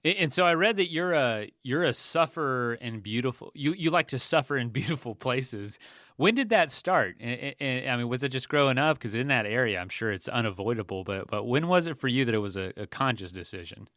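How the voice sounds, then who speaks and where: A man's voice: mid-range voice, lively intonation, fairly quick, fairly bright tone, dry recording, studio quality. A man hosting a podcast, asking casual interview questions and repeating words as he goes. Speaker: podcast host.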